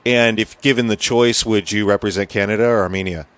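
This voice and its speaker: A man's voice: on the low side, fairly even intonation, brisk, fairly bright tone, clean tone. A man hosting a podcast, asking questions in a friendly, easygoing way. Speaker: podcast host. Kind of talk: casual interview chat.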